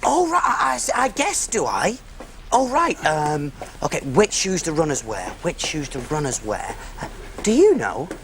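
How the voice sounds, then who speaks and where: A man's voice: on the high side, wildly swooping pitch, a little slow, vocal fry, noisy background, exaggerated voice. A man playing a big, good-natured, bumbling cook in a children's show, exaggerated and hesitant as he addresses young viewers. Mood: flustered, playful. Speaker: children's TV presenter. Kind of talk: playful children's show presenting.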